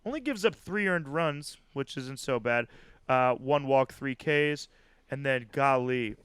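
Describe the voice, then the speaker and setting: Man, podcast co-host, casual baseball recap, very clear voice, dry close mic. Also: mid-range voice, animated, measured pace, fairly bright tone, no echo. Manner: play-by-play recapping with chuckles.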